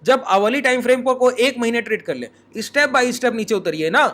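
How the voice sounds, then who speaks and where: Bright, high-voiced man teaching trading. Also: expressive, moderate pace. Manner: explains step by step, often checks in with listeners. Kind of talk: screen-share trading lesson.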